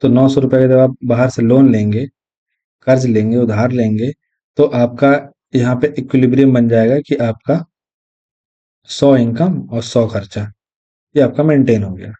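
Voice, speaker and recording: A man with a very dark, mellow voice teaches an exam lesson. He works through each point step by step, repeats the key terms and slows down to read out definitions. The audio is dull and lo-fi. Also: medium pitch, breathy edge. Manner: reads English definitions slowly. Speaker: exam tutor. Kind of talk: recorded lecture.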